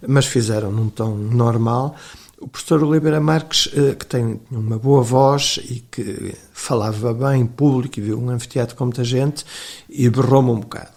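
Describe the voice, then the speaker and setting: A man's voice: medium pitch, creaky, a little mellow, husky. An older man with a European Portuguese accent, a historian telling rambling anecdotes in an interview, with frequent hesitations and restarts. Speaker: historian guest. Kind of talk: conversational interview storytelling.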